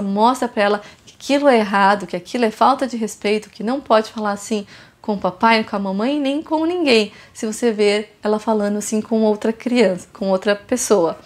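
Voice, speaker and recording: A woman giving parenting advice in a casual vlog, earnest and instructive, speaking straight to viewers. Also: mid-range voice.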